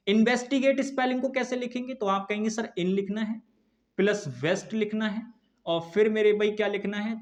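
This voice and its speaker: A young man teaching a vocabulary lesson online, repeating each point and answering his own questions for his students. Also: high voice. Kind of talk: online exam-prep lesson.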